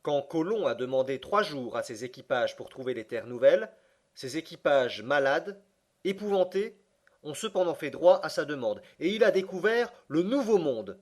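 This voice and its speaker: A man voicing a stern, obstinate older professor in an audiobook, in a forceful, commanding way. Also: fairly high pitch, very animated, moderate pace. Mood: insistent. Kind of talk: audiobook character reading.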